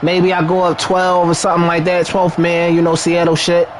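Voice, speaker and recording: Man, from Philadelphia, gamer, playful trash talk, boastful, high voice, faint hum behind. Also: completely flat delivery, moderate pace. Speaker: gamer streaming a football video game. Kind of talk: casual trash-talk while playing.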